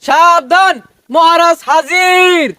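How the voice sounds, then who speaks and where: A man's voice: very high voice, steady tone, takes it slowly, bright, forceful tone, no echo, studio quality, heavily acted. A man doing a dim-witted army general. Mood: curt.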